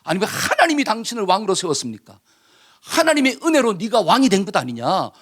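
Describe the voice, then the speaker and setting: A man's voice: high voice, big pitch swings, fast, a bit bright, voice pushed up, exaggerated voice. A man voicing a stern male prophet who rebukes a king with indignant, reproachful questions. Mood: rebuking.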